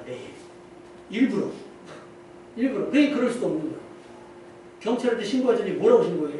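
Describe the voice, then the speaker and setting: A man's voice: high voice, a little mellow, a little hiss or hum. A male pastor preaching a sermon in a conversational way, posing questions to the congregation and answering them himself. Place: church sanctuary. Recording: echoey church hall, mic at a distance.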